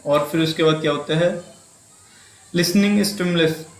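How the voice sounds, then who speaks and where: A man's voice: on the high side, normal speed. Echoey Hindi-accented male teacher lecturing. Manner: repeats key terms, asks and answers his own questions; mixes English terms into Hindi. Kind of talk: exam-prep lecture. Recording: echoey room.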